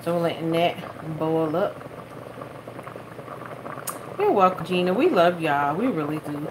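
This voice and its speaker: Cooking at home on a live stream, this young host speaks a little slowly in a low-pitched voice. Chatty throughout, she reads out viewer comments and thanks each person by name. Her phone camera sits over the stove, and its audio carries background noise.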